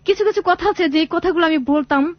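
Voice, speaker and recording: A woman's voice: extremely high pitch, fast talker, no echo. A young woman calling a radio show to tell her life story, rambling and often restarting her sentences. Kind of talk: emotional personal storytelling on radio. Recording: dull lo-fi radio audio.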